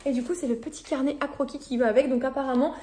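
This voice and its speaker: A woman's voice: sits high, steady tone, rapid-fire, dark tone. A woman chatting casually to camera as she unboxes her shop parcels, gushing and laughing often, a little tired. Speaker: vlogger and shop owner.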